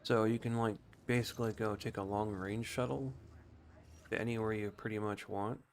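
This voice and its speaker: A low-pitched man commentates on his own game like a streamer, casual and rambling, explaining things without hurry. His tone stays steady at a moderate pace, with faint noise in the background.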